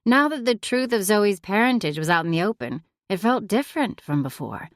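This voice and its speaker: A woman narrating an audiobook in an expressive, emotive reading style. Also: mid-range voice, moderate pace, no room sound, clean studio sound.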